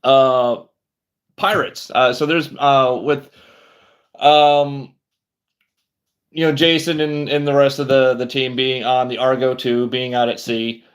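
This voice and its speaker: A man's voice: mid-range voice, flat delivery, takes it slowly, pauses often. A man hosting a casual book review livestream, talking in a rambling, conversational way with many fillers and restarts.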